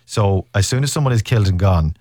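A man's voice: on the low side, expressive, fast, darkish tone, no echo, studio quality. A man interviewing someone in a casual, chatty and informal way. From County Mayo, west of Ireland. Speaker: interviewer, host.

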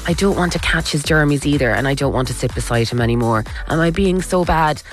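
A woman's voice: low voice, animated, fast. Woman with a west of Ireland, Kerry accent. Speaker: radio co-host. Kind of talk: casual radio chat. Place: radio studio. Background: music.

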